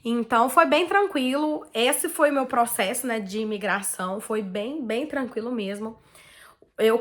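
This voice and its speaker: Chatty Brazilian woman vlogger. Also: a little high. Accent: Brazilian Portuguese. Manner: chatty, animated, peppered with "tipo assim" and "né". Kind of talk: casual storytelling to viewers.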